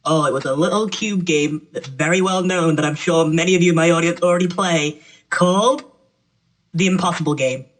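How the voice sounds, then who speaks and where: A man's voice: a little high, a little fast, voice pushed up, poor audio. A man doing Story, a little voice-changed mascot. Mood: chatty. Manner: chatty, rambling, self-correcting. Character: little male mascot presenter character. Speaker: channel presenter. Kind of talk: casual talk to camera.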